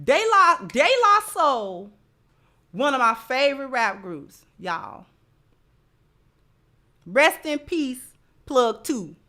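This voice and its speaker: With a high-pitched, very animated voice that sounds pushed and bright, a livestream host speaks slowly and leaves long pauses. She addresses her audience with emphatic, passionate commentary, reading chat messages and repeating phrases to hit her points hard.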